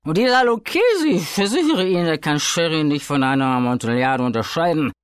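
A man voicing an excitable, tipsy male wine connoisseur who talks loudly and insistently. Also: a little high, brisk, clear, resonant tone, no room sound, clean studio sound, natural voice. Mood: dismissive eager. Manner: loud, exclamatory, insistent.

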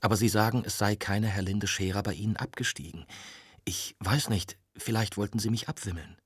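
A persistent young woman journalist, as a male audiobook reader voices her, presses her case without letting up. The voice sits low and a little husky, and it sounds dry and close to the mic. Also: brisk, dry recording. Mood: pleading. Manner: insistent, pleading. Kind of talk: audiobook dialogue.

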